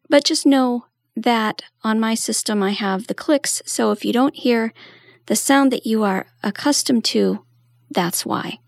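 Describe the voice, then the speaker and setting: Woman, trainer, patient step-by-step tutorial, slow delivery, gravelly edge. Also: fairly high pitch, no room sound, studio quality. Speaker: assistive technology trainer. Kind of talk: tutorial walkthrough.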